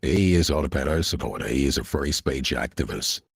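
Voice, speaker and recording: Man on a deep pitch-shifting voice changer. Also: lively intonation, fairly quick, vocal fry. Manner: pompous, threatening, repeats himself. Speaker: caller posing as a lawyer. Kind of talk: call on a voice chat.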